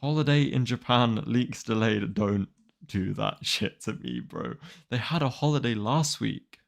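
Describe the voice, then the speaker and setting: A man's voice: medium pitch, very animated, unhurried, vocal fry. A twenty-year-old man chatting casually and wryly to a live-stream audience, rambling and exasperated. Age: 20s. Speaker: manga reaction streamer.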